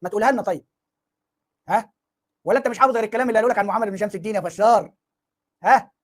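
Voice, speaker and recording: A man's voice: sits high, very fast. A man with an Egyptian Arabic accent giving mocking online commentary, full of sarcasm and rhetorical questions.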